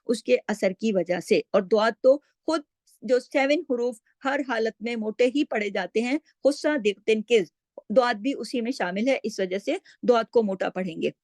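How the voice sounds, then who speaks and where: A woman's voice: a little high, darkish tone, no echo. Patient woman teaching recitation, dry sound. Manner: patient, explains each sound and demonstrates it. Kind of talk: step-by-step recitation lesson.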